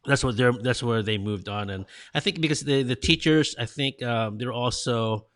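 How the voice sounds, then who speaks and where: A man hosting an interview, talking casually with many fillers and halting restarts. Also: mid-range voice, fairly bright tone, dry recording. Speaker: podcast host.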